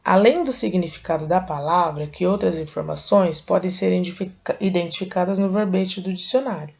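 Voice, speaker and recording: A Brazilian woman teacher with a Brazilian Portuguese accent, slowly and patiently explaining a lesson step by step to young children. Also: on the low side, vocal fry, a little mellow. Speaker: primary school teacher. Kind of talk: recorded video lesson for children.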